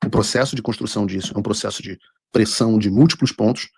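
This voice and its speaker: A man with a Brazilian accent and a husky voice, hosting a live political show with commentary and read-out texts. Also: lowish voice, fast, no room sound.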